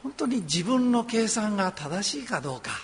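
Man, pastor, sermon, husky gravelly voice, earnest conversational delivery. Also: high-pitched, sing-song, normal speed. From Osaka, Japan. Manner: earnest, conversational preaching with gentle humor. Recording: long hall reverb.

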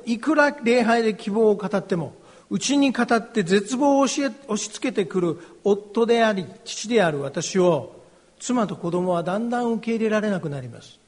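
A middle-aged man, a pastor, giving a slow and earnest personal testimony as a sermon. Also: sits high, husky. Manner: slow, earnest, confessional delivery. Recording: long hall reverb.

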